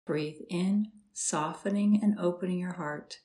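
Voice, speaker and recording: Soft-spoken woman guiding a meditation. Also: lowish voice. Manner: slow, soft, soothing instructions with pauses. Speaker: meditation guide. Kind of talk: guided meditation.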